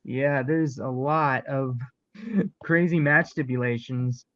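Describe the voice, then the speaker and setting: A man's voice: mid-range voice, takes it slowly, no echo, highs cut off. A man hosting a podcast in casual chat, laughing often and trailing off mid-sentence. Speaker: podcast host.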